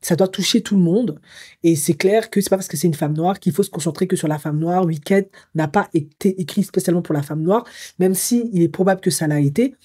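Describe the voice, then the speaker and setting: A woman from Africa comments in her vlog. Her low, husky, mellow voice drifts along as she reflects aloud. She hesitates often as she weighs her opinions. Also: a little fast. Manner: musing and hesitant, thinking aloud with frequent fillers. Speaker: psycho-emotional coach. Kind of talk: commentary vlog, partly reading an article aloud.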